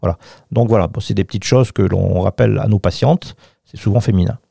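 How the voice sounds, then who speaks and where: A man's voice: fairly low pitch, steady tone, fairly quick, vocal fry, warm tone, slightly rough, dry recording. A man, a doctor, explaining health topics emphatically on a radio chat show into a studio mic. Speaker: doctor guest.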